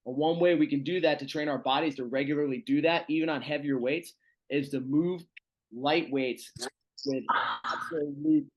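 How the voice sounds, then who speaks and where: A man as strength coach giving a virtual seminar lecture, talking casually through slides with fillers, over a video call. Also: a little high.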